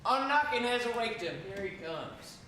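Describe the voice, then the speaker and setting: A courteous, dutiful nobleman, acted by a man, speaks formal Shakespeare, projected from a stage. The voice is bright and high, heard from far off through heavy echo. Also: animated, moderate pace, full character voice. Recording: echoey theatre, distant microphone, faint noise.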